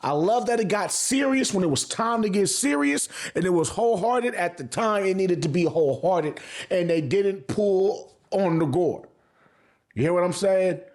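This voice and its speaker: This anime reviewer hosts a vlog channel, delivering casual, opinionated commentary in emphatic slang full of swearing and repeated phrases. His voice is high-pitched and animated, a little mellow, at a moderate pace.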